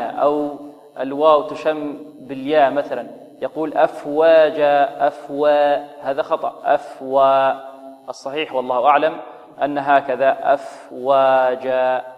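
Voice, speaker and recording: Man teaching Quran recitation in an echoing hall. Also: on the high side. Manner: poses quiz questions to students and models pronunciation. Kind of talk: tajweed lesson. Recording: dull lo-fi recording with long hall reverb.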